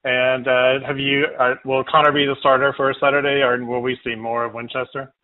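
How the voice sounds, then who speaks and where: Male reporter, flat even voice, phone line, asks questions with lots of uhs. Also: medium pitch, a little fast. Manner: hesitant, many fillers. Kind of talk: asking questions on a media call.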